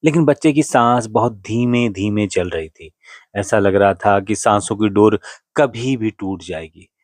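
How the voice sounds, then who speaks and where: Low-voiced man telling a devotional story. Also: measured pace, a little mellow, no echo, studio quality. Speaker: narrator.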